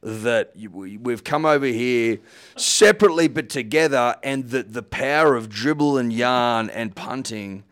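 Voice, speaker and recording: A man's voice: mid-range voice, measured pace, a bit bright, clear, resonant tone. A man co-hosting a podcast, speaking in a mock-grandiose, preachy way. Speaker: podcast co-host. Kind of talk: casual banter.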